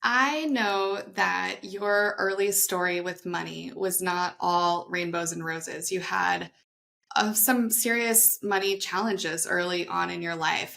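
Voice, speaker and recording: A podcast host reads an upbeat scripted intro, then questions her guest in an eager, conversational way. Her medium-pitched voice has vocal fry and a sharp tone.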